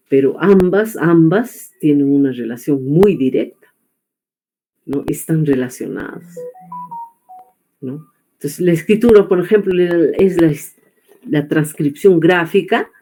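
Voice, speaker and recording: A woman teaching an online class, pausing often on fillers and checking in with tag questions. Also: low-pitched, mellow. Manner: hesitant, many filler pauses and tag questions.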